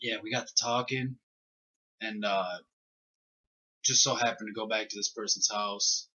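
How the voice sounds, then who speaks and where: A man's voice: lowish voice, steady tone, unhurried, bright, forceful tone. A young man co-hosting a casual, uncensored podcast, telling stories in slang and laughing through them. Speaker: podcast co-host. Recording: dull lo-fi podcast recording.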